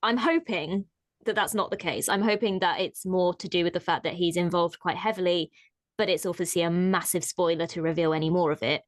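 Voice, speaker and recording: A woman co-hosting a casual fan chat show, chatty and quick to laugh, with hedging fillers. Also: fairly low pitch, steady tone, dry recording. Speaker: podcast co-host.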